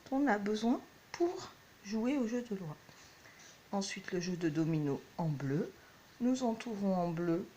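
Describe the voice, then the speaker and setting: A woman's voice: a little high, a little mellow, slight background noise. A woman teacher giving a patient, step-by-step lesson to young children at home. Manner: patient, clear, explains step by step. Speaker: primary school teacher.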